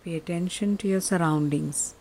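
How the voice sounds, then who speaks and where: A woman leading a guided meditation in a soft, calm, soothing way, leaving long pauses. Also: lowish voice, slight background noise, poor audio.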